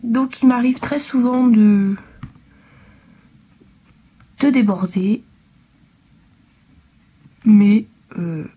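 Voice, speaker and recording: A woman's voice: on the high side, very slow, long pauses, warm tone, slightly rough. Chatty stuffy-nosed young woman. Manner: chatty, hesitant, drops to a murmur while working. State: congested, talking through her nose. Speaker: beauty vlogger. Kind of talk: casual nail tutorial.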